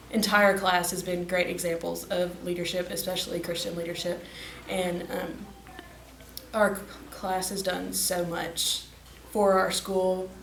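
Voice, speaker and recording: A woman's voice: lowish voice, vocal fry, a little hiss or hum. A teenage girl, a graduating student, chatting about school years and laughing between thoughts. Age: teens. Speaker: graduating student, class historian. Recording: echoey room, distant mic.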